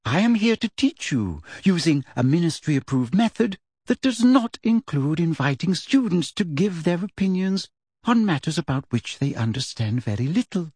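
A man voicing a prim, cold, middle-aged female teacher in a storybook reading, speaking slowly and softly with deliberate sweetness. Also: on the high side, sing-song, slightly rough, no echo, voice pushed up. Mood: smug. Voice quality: soft, deliberate, half-whispered.

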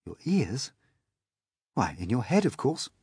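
A man's voice: mid-range voice, very animated, measured pace, dark tone, husky, no room sound, studio quality, exaggerated voice. A man voicing a curious, polite small boy who asks earnest questions. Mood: wondering. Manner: wide-eyed, earnest, questioning.

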